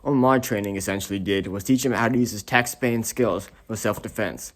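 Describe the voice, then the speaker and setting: A man's voice: on the low side, close to an everyday voice. A man playing a solemn old kung fu father. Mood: explaining. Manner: solemn, slow and grand. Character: wise old father, kung fu tax mentor. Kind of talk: amateur comedy film acting.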